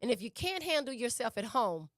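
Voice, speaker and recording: Her voice sits a little high, swings widely in pitch and moves a little fast, captured dry with clean studio sound. This relationship podcast co-host explains things in a conversational teaching style, stressing her points emphatically, going back over them and throwing out rhetorical questions.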